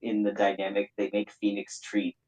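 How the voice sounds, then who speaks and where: A man's voice: lowish voice, completely flat delivery, normal speed, a little mellow, poor audio. A young adult man co-commentating on a game in a casual, informal, slangy way. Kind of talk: casual chat.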